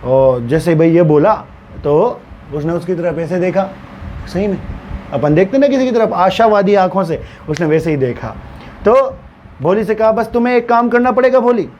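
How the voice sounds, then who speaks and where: A man's voice: high voice, expressive, moderate pace, warm tone, highs cut off, slight background noise. A male teacher retelling a story for students, acting out the characters' stammering and dialogue as he explains.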